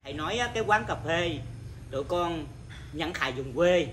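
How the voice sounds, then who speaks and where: Man, Buddhist monk, informal dharma talk, naturally loud voice, blunt, scolding, bright tone. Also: fairly high pitch, lively intonation, moderate pace, slight background noise.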